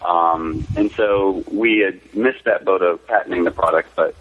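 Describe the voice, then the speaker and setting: A man's voice: sits low, measured pace, fairly bright tone. A man, a company founder, telling candid, rambling anecdotes in a casual interview over the phone. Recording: tinny phone line.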